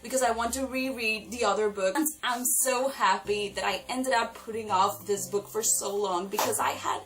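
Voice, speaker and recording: A young woman chatting excitedly about books she has read, gushing over her favourites in a casual vlog. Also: mid-range voice, moderate pace. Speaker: book vlogger. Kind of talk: casual book review vlog. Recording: distant mic with faint background music.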